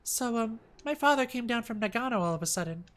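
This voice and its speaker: A man's voice: extremely high pitch, animated, fast, fairly bright tone, pitched above the performer's own voice. A man voicing a timid, apologetic young woman from a visual novel game, speaking hesitantly.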